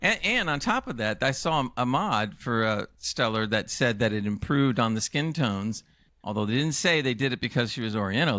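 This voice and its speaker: A man co-hosts a casual gaming podcast, laying out firm opinions while tripping over his own restarts. His voice sits in a middle pitch and the recording is dry and close, with no room around it. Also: a bit bright, dry recording. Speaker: podcast co-host. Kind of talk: casual chat about video games.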